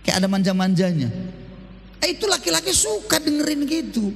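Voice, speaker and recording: A man's voice: very high-pitched, brisk, vocal fry, in a large hall. A male pastor preaching a joking sermon, acting out husbands' and wives' voices. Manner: lively, joking, acts out spouses' voices. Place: church.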